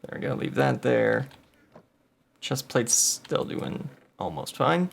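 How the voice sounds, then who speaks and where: Gravelly slow-talking man playing a game. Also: mid-range voice, expressive, a little hiss or hum. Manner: thinking aloud, muttering numbers. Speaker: game video host. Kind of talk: casual gameplay commentary.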